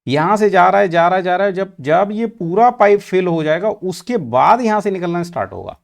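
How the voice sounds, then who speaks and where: A man with an Indian accent gives an engineering classroom lecture in a high, expressive, gravelly voice, mixing Hindi and English. He speaks slowly and deliberately, stretching out key terms, and asks questions that he then answers himself.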